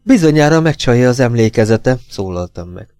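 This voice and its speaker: A man narrating an audiobook in a measured, composed way, asking pointed questions. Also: medium pitch, lively intonation, darkish tone, smooth, no echo, clean studio sound. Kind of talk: audiobook reading.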